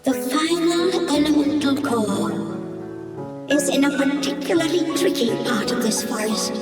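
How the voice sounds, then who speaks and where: A woman's voice: high-pitched, expressive, normal speed, distant mic. A woman voicing a coy, teasing fairy in a storybook game, with a sing-song manner. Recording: echoey voice over loud music.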